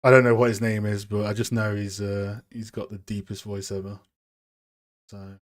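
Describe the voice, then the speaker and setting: A man's voice: on the low side, level tone, moderate pace. Man chatting casually, full of fillers. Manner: rambling and self-deprecating, many fillers. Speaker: streamer and game art host. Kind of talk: casual live-stream chat while modeling.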